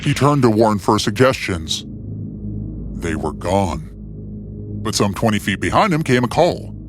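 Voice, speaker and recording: With a fairly low, sing-song voice and an unhurried pace, a man narrates a scripted adventure story, giving it a theatrical, suspenseful reading. He's the storyteller of a fiction series, and music plays beneath him.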